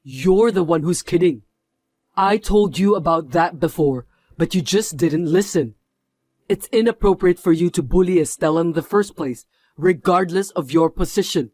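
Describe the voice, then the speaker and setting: A man's voice: fairly high pitch, normal speed, darkish tone, no echo, natural voice. A man playing a stern company executive who scolds his mother with a firm manner in a dubbed drama. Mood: indignant.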